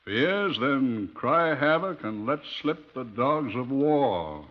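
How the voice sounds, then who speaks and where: In a radio drama, a man plays a wry, bookish adviser, musing, dry and droll. His medium-pitched voice is very animated but slow and unhurried. The recording is a muffled old radio one.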